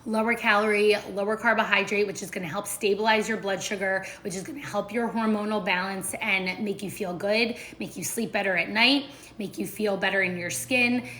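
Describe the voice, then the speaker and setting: A woman's voice: medium pitch, steady tone, a little fast, a bit bright, reverberant, a little hiss or hum. A woman chatting casually to viewers during a live stream as she makes breakfast in her kitchen, full of fillers and asides. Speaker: food and nutrition creator. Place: home kitchen.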